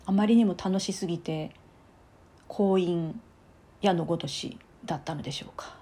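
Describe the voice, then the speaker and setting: A woman hosting her own podcast, chatting casually and softly with little laughs and asides. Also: on the low side, normal speed, slight background noise. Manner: chatty, soft-spoken, giggly asides. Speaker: podcast host. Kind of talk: casual solo talk.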